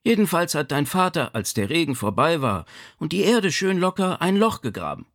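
Brief: a man playing a brisk, pragmatic older mother, raised pitch, animated storytelling. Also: heavily acted.

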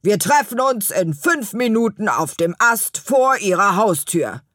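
A woman voicing Gurkenhut, a bossy little male gnome foreman who gives brisk orders. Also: medium pitch, sing-song, fairly bright tone, no echo, clean studio sound.

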